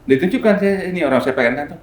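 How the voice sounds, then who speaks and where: Animated male storyteller in an echoey room. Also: fairly high pitch, rapid-fire. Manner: lively storyteller acting out quoted dialogue. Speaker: guest spiritual healer. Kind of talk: casual storytelling chat. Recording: echoey room with faint music.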